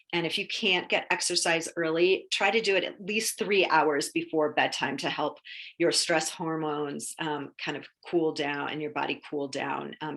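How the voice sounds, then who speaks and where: A woman's voice: low-pitched, fairly bright tone. A woman presenting sleep and wellness tips in an informal webinar, explaining in a conversational, encouraging way. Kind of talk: informal webinar talk through a list of tips.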